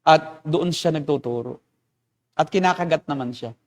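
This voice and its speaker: A man's voice: on the high side, moderate pace, a little mellow. A man, a pastor, explaining at length in a casual discussion and acting out quoted remarks. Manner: explanatory, lecturing, acts out quotes.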